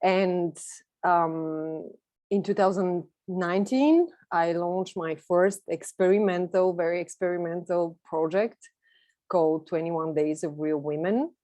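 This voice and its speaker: The speaker is a woman from Bulgaria in her 30s, Bulgarian by first language, guesting on an online video call with an enthusiastic personal talk. She sounds fairly low and dark, steady in tone and measured in pace, chatting with light laughter, and there's no echo.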